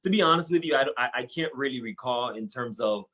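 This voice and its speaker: A man's voice: medium pitch, expressive, quick pace, pushed and bright, poor audio. A young man from Haiti, a guest entrepreneur, talking casually and earnestly with many fillers and restarts in an interview. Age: young adult.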